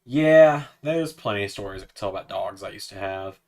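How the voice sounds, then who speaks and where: Young male streamer, low-ish voice, casual chatty delivery, coaxing sing-song when addressing a pet. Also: expressive, a little fast, darkish tone. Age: 20s. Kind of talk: casual livestream chat.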